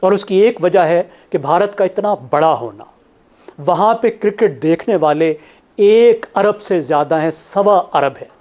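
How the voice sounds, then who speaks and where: A man giving measured panel analysis, laying out his points one by one. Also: high-pitched, expressive, a little mellow, highs cut off. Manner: methodical, counts points in order.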